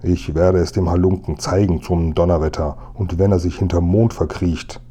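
A man's voice: low-pitched, steady tone, moderate pace, mellow, slightly rough. A man voicing a grumpy village police sergeant who grumbles and growls in indignation. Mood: grumbling.

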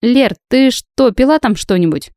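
A woman reading an audiobook, voicing a brash, teasing young female friend who talks loud and breezy. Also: on the high side, animated, a little slow, no room sound, clean studio sound, voice pushed up.

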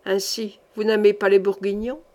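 A woman reading an audiobook, voicing a fierce, proud male medieval captain who speaks low and cold. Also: little pitch movement, normal speed, darkish tone, lightly acted. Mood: confiding.

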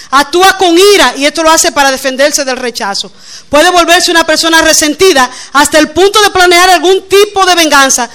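A middle-aged woman, preaching a conversational sermon and telling personal stories with frequent laughter. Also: sits high. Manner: animated, laughs often while telling stories. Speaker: preacher, pastor's wife.

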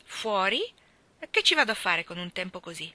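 A woman's voice: medium pitch, big pitch swings, moderate pace, sharp tone, no echo. A woman voicing a spoiled, haughty little girl who answers curtly and coldly in a storybook reading. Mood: cold, sulky. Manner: curt, cold replies.

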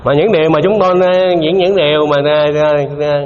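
Over soft background music, a man with a slightly high voice talks fairly quickly during a Buddhist dharma talk. Conversational and prone to repeating himself, he quizzes his listeners. It's a dull, lo-fi hall recording with some faint noise.

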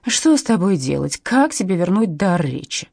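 A woman voicing a level-headed, sarcastic woman friend with a husky, dark voice. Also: lowish voice, sing-song, dry recording, studio quality, exaggerated voice. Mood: exasperated. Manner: brisk, sarcastic. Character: sharp-tongued sensible woman friend, sarcastic.

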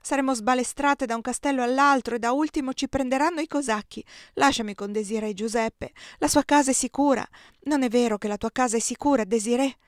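A woman's voice: sits high, fairly quick, no echo, clean studio sound, pitched above the performer's own voice, close to an everyday voice. Woman reading as a frightened tearful mother.

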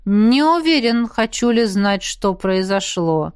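A woman's voice: mid-range voice, expressive, normal speed, no room sound, natural voice. Woman doing a chill wry dragon guy, easygoing and dry, close mic. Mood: weary. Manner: wry, conciliatory. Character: calm male dragon, wry and conciliatory.

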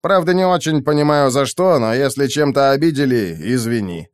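A man voicing a thoughtful calm scientist. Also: mid-range voice, smooth, no echo, studio quality, pitched above the performer's own voice, natural voice. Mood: persuasive. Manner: measured, persuasive.

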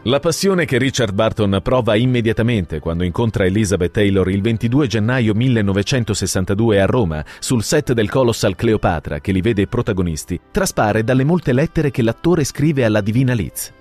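A man's voice: lowish voice, expressive, moderate pace, hardly any pauses, darkish tone, faint music behind. A man narrating a scripted radio story in a dramatic, storytelling way.

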